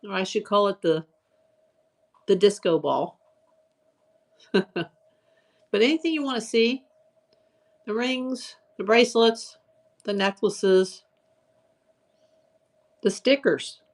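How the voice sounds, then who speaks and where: A woman runs a live online auction stream, casually chatting, naming items for sale and greeting viewers by name. Her medium-pitched voice is expressive but tired and slightly hoarse after hours of talking, and she goes slowly with frequent pauses.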